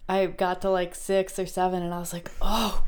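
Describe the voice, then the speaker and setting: A woman's voice: on the low side, little pitch movement, moderate pace, darkish tone, smooth. A woman in her thirties from North Carolina, co-hosting a podcast and telling stories in casual chat. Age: 30s. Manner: chatty storyteller, acts out quotes. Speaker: podcast co-host.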